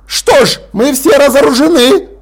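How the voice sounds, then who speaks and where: Brief: man doing a shrieking indignant nobleman, high and loud. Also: lively intonation, moderate pace. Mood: outraged bluster. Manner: indignant, shouting. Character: blustering pompous aristocratic male lord.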